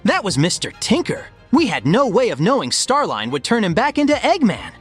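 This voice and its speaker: A man's voice: sits high, wildly swooping pitch, a little fast, soft background music. A man voicing a cocky, kind-hearted young hedgehog hero in a comic dub, casual and slangy. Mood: protesting.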